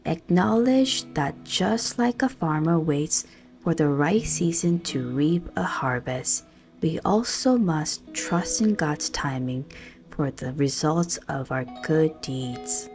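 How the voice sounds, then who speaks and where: Over gentle guitar music, a woman with a low voice guides a prayerful meditation. Her delivery is very slow and soothing, with lively intonation and measured pauses between phrases.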